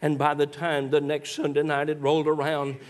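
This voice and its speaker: A male preacher, telling folksy stories in a sermon and rising into shouted exhortations. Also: on the high side, completely flat delivery, normal speed. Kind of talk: sermon with storytelling.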